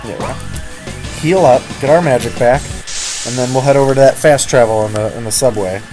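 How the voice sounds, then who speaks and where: A man's voice: medium pitch, fairly quick. A man giving casual, rambling commentary on a role-playing game, his throat sore and prone to coughs. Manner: chatty, rambling, self-correcting. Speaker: let's-play host. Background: game music.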